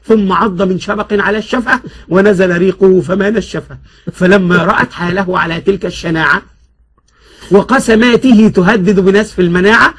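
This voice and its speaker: A man's voice: high-pitched, fairly bright tone, husky. A man reciting comic rhymed classical prose in a rhythmic, declaiming manner.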